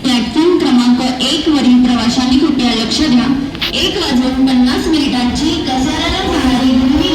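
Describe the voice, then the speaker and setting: A woman making a formal railway station announcement in a measured, even manner, heard over an outdoor loudspeaker. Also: high voice, background noise. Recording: echoey loudspeaker heard from far off.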